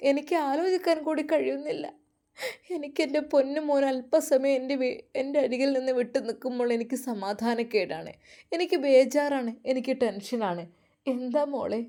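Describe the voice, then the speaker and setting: A pious older mother scolds and pleads in turn, her voice rising with feeling, as a woman storyteller puts her on. The voice is mellow and warm rather than bright. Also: high-pitched, pitched above the performer's own voice, natural voice.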